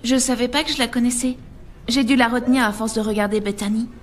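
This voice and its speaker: A woman's voice: fairly high pitch, level tone, fast, slight background noise, close to an everyday voice. A woman playing an anxious, flustered teenage girl in a family comedy film. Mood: sheepish.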